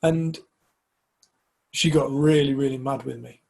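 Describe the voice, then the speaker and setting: A man from the UK speaks reflectively and hesitantly in a casual community group discussion, frequently restarting his sentences. His voice is medium-pitched, creaky and darkish, with fairly even intonation and a measured pace.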